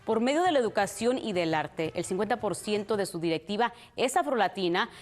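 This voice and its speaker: A woman's voice: medium pitch, lively intonation, fairly quick. A woman news presenter delivering a scripted introduction and sign-off information.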